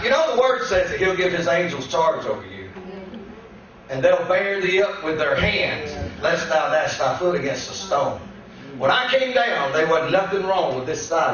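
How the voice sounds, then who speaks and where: A man preaching as a guest pastor. He tells a personal testimony that builds into shouted preaching. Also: a little high. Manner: storytelling that climbs into shouted preaching. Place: church sanctuary. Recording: echoey church room, distant dull mic.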